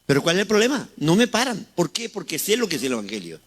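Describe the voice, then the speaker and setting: A man's voice: high-pitched, huge pitch swings, quick pace. A man in his sixties with a Chilean accent preaching a fervent sermon, asking the congregation rhetorical questions. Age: 60s. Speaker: pastor.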